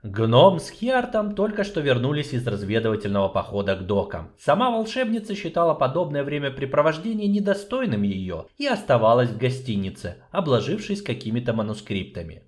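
A man reading a fantasy novel aloud in a measured storytelling way. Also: medium pitch, big pitch swings. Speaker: audiobook narrator. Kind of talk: scripted narration.

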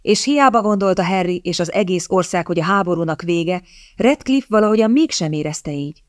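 A steady audiobook narrator telling a period romance in measured, even phrasing. The voice sits at a middle pitch. The recording is dry and close, with no room sound. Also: no echo.

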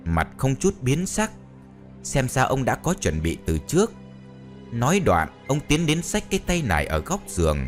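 A man narrating a ghost story in a dramatic way, with faint music behind. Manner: dramatic, swinging pitch.

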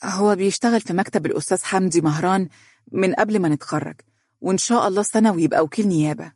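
A man voicing a cheerful young bride-to-be with an Egyptian accent, in a raised, lively voice. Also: fairly low pitch, rapid-fire, slightly rough, no echo, clean studio sound. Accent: Egyptian Arabic.

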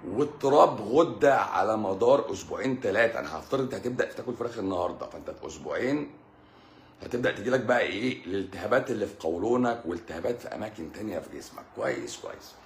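A man's voice: on the low side, animated, very fast, reverberant, a little hiss or hum. A man with an Egyptian Arabic accent hosts a live stream as a doctor, answering viewer questions in a blunt, teasing, lecturing way.

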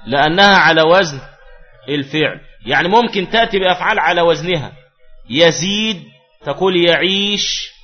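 A man teaching Arabic grammar in a classroom lesson, explaining step by step and answering his own questions. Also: fairly high pitch. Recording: dull lo-fi recording with faint music.

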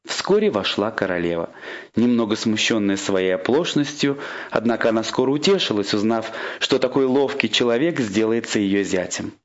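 A man reading a fairy tale aloud in a measured, expressive storyteller's manner. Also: on the low side, muffled recording.

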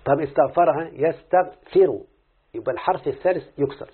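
An Egyptian man talks quickly through a grammar lesson, his voice slightly high and husky. He explains each step and keeps asking his teacher to confirm. The sound is thin and phone-like. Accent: Egyptian Arabic. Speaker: student reciting a grammar lesson. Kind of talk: Arabic morphology lesson, question and answer. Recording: tinny phone-like recording.

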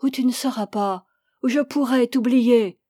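A woman's voice: on the high side, unhurried, warm tone, slightly rough, no echo, clean studio sound, voice pushed up. A woman reading an anguished, reproachful lover. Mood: impassioned. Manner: impassioned, reproachful. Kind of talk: audiobook reading.

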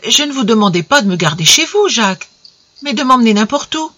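A woman's voice: a little high, animated, fairly quick, fairly bright tone, no room sound, voice pushed up. A woman reading aloud, voicing a distraught, resolute young society wife in a story. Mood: anguished. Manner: pleading, then firm and grave.

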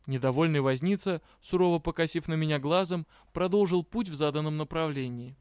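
Clear-voiced male audiobook narrator. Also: on the high side, brisk, darkish tone, no echo, clean studio sound. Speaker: audiobook reader. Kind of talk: scripted fantasy narration.

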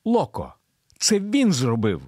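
A man's voice: a little high, wildly swooping pitch, slow pace, darkish tone, no room sound, studio quality, voice pushed up, full character voice. A man voicing a terrified pleading young woman. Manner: frantic, pleading cries.

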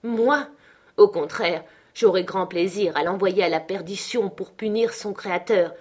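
A woman's voice: medium pitch, steady tone, moderate pace, slightly rough, natural voice. A woman voicing a drunken, blasphemous man in an audiobook, mocking and defiant. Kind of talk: audiobook character reading.

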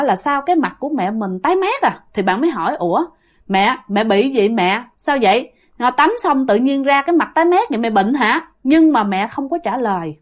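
A woman with a Southern Vietnamese accent, telling a ghost story in a casual, chatty way and talking straight to her listeners. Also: a little high. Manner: chatty, addresses listeners directly.

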